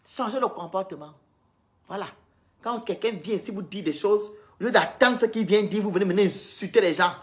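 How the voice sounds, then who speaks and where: A woman's voice: medium pitch, a little fast. A woman from Gabon, scolding and lecturing her viewers in a heated, repetitive live-stream rant.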